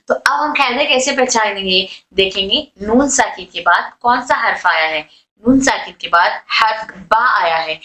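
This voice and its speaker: Woman teacher slowly drawing out sounds. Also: on the high side, a bit bright, rough recording. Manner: explains slowly, repeating and drawing out example sounds. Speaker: Quran recitation teacher. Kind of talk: online tajweed lesson.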